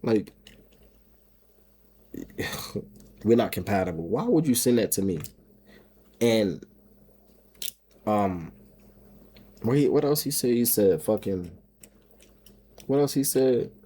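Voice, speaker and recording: A middle-aged man vents to the camera in a long, rambling monologue, cursing freely and stumbling over repeated words. His voice sits low with a dark, mellow tone. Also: expressive, slow pace, long pauses, husky. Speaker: homestead vlogger and single dad. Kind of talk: emotional venting monologue.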